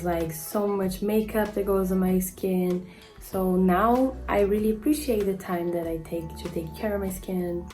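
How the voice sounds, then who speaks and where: Her voice medium-pitched and dark, a Brazilian-accented woman in her twenties who models and vlogs about beauty talks casually through her skincare routine. She frequently uses "like" and fumbles product names.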